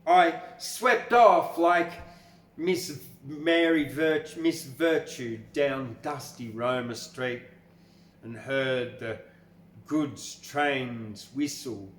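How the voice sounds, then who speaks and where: Very slowly and in a mid-range voice, an older Australian man hosts his poetry podcast, offering loose, blunt commentary between expressive readings. The echoey room carries a faint background noise.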